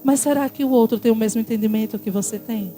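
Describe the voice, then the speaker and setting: A woman pastor with a Brazilian Portuguese accent preaching a sermon, swinging between loud exhortation and quiet asides. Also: on the high side, fast talker, soft background music.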